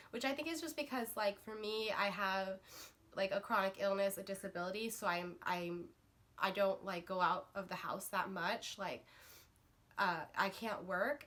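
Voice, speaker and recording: This book vlogger, still shaking off a cold, has a mid-range voice that's bright and forceful. Her casual to-camera chat wanders, full of fillers and restarts.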